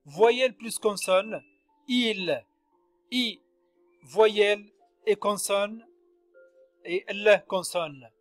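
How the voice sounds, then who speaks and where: A man's voice: high voice, fairly bright tone. A man teaching a lesson on verse and syllable counting, spelling out letters one at a time. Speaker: French literature teacher. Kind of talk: slow spoken lecture on verse.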